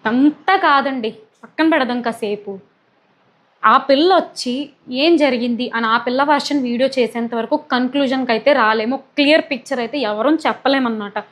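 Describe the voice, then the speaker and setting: A woman's voice: high-pitched, moderate pace. A woman, talking to camera in an emphatic, defensive way and asking the audience pointed questions. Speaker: vlogger. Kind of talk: casual to-camera talk.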